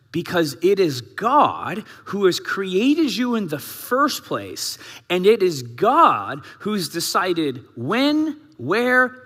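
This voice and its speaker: A male pastor with a high, bright voice preaches in a big church hall, and long reverb trails each phrase. He talks in a lively, conversational way, firing rhetorical questions at the congregation. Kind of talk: sermon.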